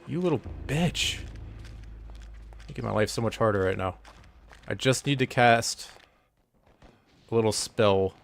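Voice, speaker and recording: Excitable, swearing male game streamer. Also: on the low side, moderate pace, creaky, long pauses. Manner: excitable and profane, talking to chat. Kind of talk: live let's-play commentary.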